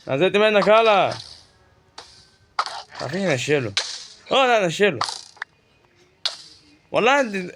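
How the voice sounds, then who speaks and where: A fast-talking man with an Egyptian Arabic accent narrates his gameplay in a fairly high voice, chatty and joking as he scolds the creatures on screen. Faint noise and clicks sit behind him. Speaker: gaming YouTuber. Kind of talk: casual Let's Play commentary.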